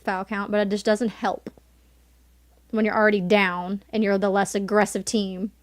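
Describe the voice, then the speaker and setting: A young woman co-hosting a college sports show, talking in an animated, opinionated way and laughing often. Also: mid-range voice, moderate pace, dry recording. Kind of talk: casual sports chat.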